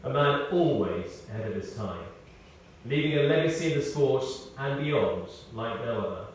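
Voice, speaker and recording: A British man with a medium-pitched voice reads a funny, anecdote-filled memorial tribute from a script. His pacing is measured and story-like, with animated intonation, well-placed pauses, and stress on key words. The space is large and very reverberant, the mic far away, and faint noise sits in the background.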